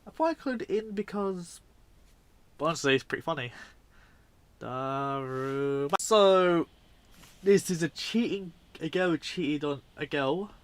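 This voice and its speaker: High-pitched and lively in intonation, this man talks at a normal speed as he hosts a video. He comments on clips in a loose, rambling, unscripted way and keeps correcting himself.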